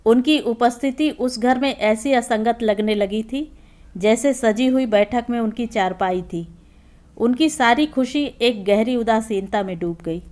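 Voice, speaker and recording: A woman narrating a literary short story aloud in a calm, even storytelling manner. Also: fairly high pitch.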